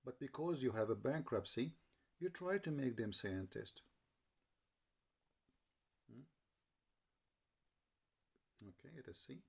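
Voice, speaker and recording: A man's voice: mid-range voice, animated, takes it slowly, creaky, pauses often, husky. A man giving argumentative commentary, translating clips and challenging what they say. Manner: repeats and restarts while translating, challenging tone.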